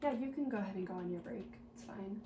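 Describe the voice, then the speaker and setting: A woman doing a soft-spoken, ASMR role-play as a helpful, patient librarian, talking gently and politely as if serving patrons at the desk. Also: mid-range voice, quick pace. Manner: gentle, polite customer-service talk with small murmured asides. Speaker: ASMR performer playing a librarian at a checkout desk. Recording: roomy echo, clear background noise.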